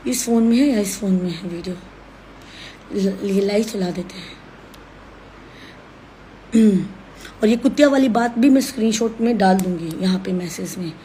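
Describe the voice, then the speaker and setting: A woman's voice: medium pitch, normal speed, long pauses, dark tone, slight background noise. A woman ranting on a live stream from her phone, scolding and accusing in an insistent way. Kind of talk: heated live-stream rant.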